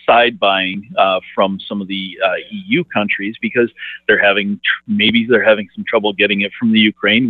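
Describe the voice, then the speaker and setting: Halting man over a phone line. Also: on the low side, no echo. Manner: halting, heavy with "uh" fillers and restarts. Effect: heard over a phone line. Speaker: grain market analyst guest. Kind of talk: phone interview on farm markets. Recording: narrow dry phone line.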